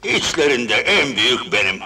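A man's voice: mid-range voice, very animated, normal speed, crowd noise, close to an everyday voice. A man dubbing the fussy, bossy old leader of a band of dwarfs in a film.

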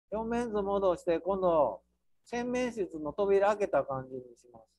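A man with a Kansai accent teaching an architecture class through a software task, playful, with sound words and mock squeals. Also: sits high. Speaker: architecture instructor.

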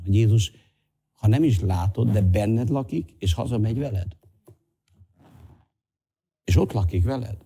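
Animated man preaching a sermon. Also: on the low side, husky. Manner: lively preaching, swinging between loud urging and soft asides. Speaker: pastor. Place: church hall.

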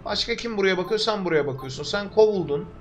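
A young man from Turkey talks through a game live from his room, his voice sitting high as he chats with viewers and jokes to himself. Quiet music runs faintly underneath him. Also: expressive, quick pace. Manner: chatty, joking, talks to chat and to himself. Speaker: livestreamer. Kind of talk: live gameplay commentary. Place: home room. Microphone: desk microphone.

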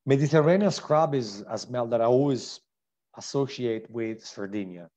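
A man's voice: mid-range voice, lively intonation, normal speed, warm tone, muffled recording. A man with an Italian accent hosting a live online wine tasting, describing wines with enthusiasm and frequent restarts. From Italy.

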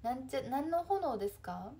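A woman's voice: high voice, sing-song, moderate pace, mellow, breathy edge. A young woman in her twenties with a Kansai accent, chatting casually on her livestream, reading viewer comments and answering them with frequent laughs. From Kansai, Japan. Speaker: livestream host.

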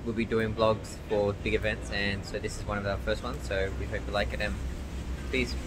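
Young male vlogger, low-ish voice, casual upbeat ramble, phone at arm's length, clear street noise. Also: flat delivery, normal speed. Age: young adult. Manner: chatty, upbeat, loose and rambling. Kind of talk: casual travel vlog. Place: outdoors in a city at night. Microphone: phone camera held at arm's length. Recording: noisy outdoor street recording.

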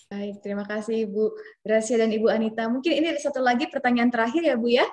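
A woman moderating a webinar over a video call, polite and brisk as she hands over questions. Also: on the high side, fairly even intonation, a little mellow.

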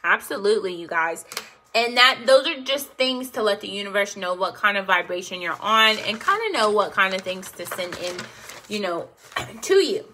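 A woman's voice: medium pitch, lively intonation, normal speed, bright, forceful tone, a little hiss or hum. A woman hosting a self-help video, coaxing viewers through a call-and-response affirmation exercise with encouraging murmurs.

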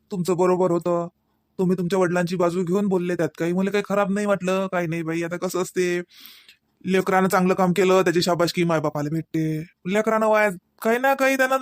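A man voicing a gentle, forgiving middle-aged father-in-law. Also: high voice, no echo, close to an everyday voice. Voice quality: gentle, consoling.

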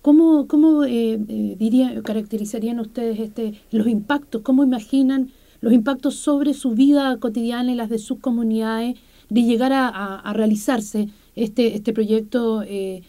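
A woman interviewing guests in a small radio studio, asking measured, formal questions. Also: on the high side, steady tone, dark tone. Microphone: studio table mic.

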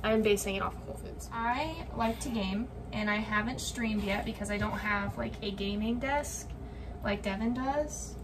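Her mid-range voice, at a moderate pace, sounds far away because the camera is set on the counter, and room noise is plainly audible. This young adult vlogger rambles casually to viewers while preparing meals in her home kitchen, dropping lots of likes and ums.

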